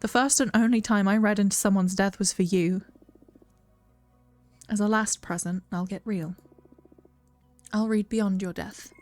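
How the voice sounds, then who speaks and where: A woman voicing a young fortune-teller witch in a video game, reading the dialogue softly and earnestly. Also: mid-range voice, dry recording, lightly acted.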